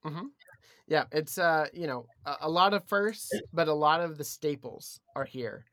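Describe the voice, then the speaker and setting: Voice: medium pitch, animated, measured pace, a bit bright, no echo. An enthusiastic podcast co-host chatting casually and explaining cartoon history.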